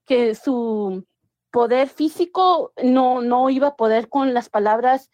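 Woman, higher pitch, dry recording, chatty storytelling, many restarts. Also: slow pace, a little mellow, dry recording. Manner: mixes English words into Spanish, many restarts. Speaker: guest. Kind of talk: casual storytelling interview.

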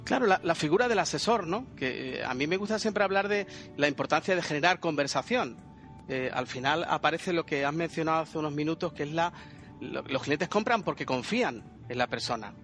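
Reflective man with a slightly high voice. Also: lively intonation, fairly quick, fairly bright tone, faint music behind. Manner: reflective, asks questions, hesitant restarts. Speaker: communication and public speaking trainer, co-host. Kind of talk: conversational podcast chat.

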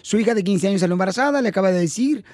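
A man's voice: high voice, animated, racing, a little mellow, dry recording, studio quality. A man hosting a call-in radio show, who keeps calling his callers "mi amor" and "hermosa".

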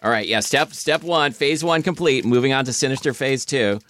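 A man's voice: medium pitch, moderate pace, a bit bright, a little hiss or hum. A middle-aged man co-hosting a podcast, moving between introductions and casual banter. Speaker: podcast co-host.

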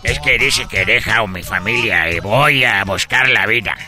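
A man's voice: fairly low pitch, normal speed, soft background music. A man doing Guachusei, goofy foreign vendor. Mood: boastful. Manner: mangles words, deadpan absurd jokes. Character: goofy male foreign barbecue vendor with broken Spanish. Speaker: radio comedy host. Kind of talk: radio comedy sketch.

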